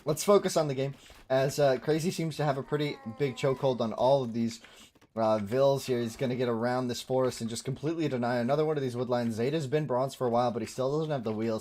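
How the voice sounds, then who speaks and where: A man's voice: mid-range voice, fast talker, a little mellow. A man casting a live strategy game match, chatty, laughing easily and talking to his chat. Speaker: esports commentator.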